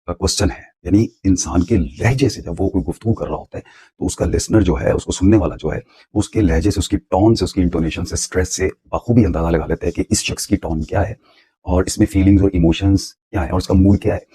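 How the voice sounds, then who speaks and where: A man's voice: sits low, fairly quick, mellow, husky. A man teaching English grammar in a patient, explanatory lecture, repeating points for emphasis.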